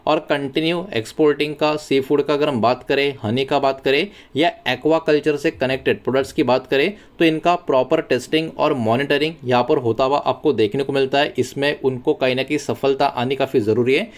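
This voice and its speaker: Man explaining market news casually. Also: mid-range voice. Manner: conversational, mixes English words into Hindi, repeats phrases. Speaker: stock market channel host.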